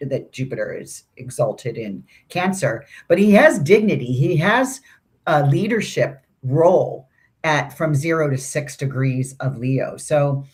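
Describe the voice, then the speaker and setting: A woman's voice: low voice, expressive, measured pace, darkish tone. A woman co-hosting an astrology talk show, chatting casually and rambling with asides. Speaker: astrology podcast co-host. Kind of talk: casual conversational astrology discussion.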